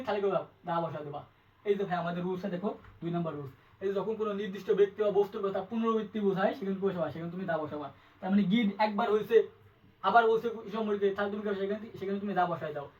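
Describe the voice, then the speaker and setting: A high-voiced man rattles through an exam-prep grammar lesson at a brisk clip, quizzing his students over and over. He sounds a little distant from the mic, and the recording is dull. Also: darkish tone. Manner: quick, repetitive, asks the student questions. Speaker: English tutor.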